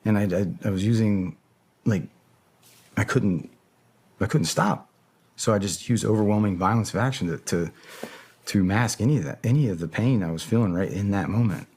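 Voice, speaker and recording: A man's voice: lowish voice, normal speed, pauses often, a little mellow, husky. A man, a podcast guest, telling a story in casual talk, swearing bluntly and often stopping to search for words. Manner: profane, blunt and hesitant.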